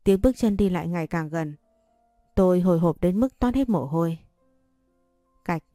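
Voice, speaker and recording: A woman narrating a romance story in the first person, steady and measured. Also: fairly low pitch, dry recording, studio quality, faint music behind. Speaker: audiobook narrator.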